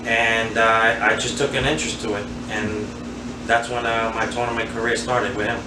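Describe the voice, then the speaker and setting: A new speaker, a man in his forties from Queens, New York, talks as an interview guest and handball player, reminiscing in a casual chat. His medium-pitched voice sounds flat and roomy at a normal speed, picked up far from the mic in a noisy space. He's relaxed and rambling, with lots of filler words.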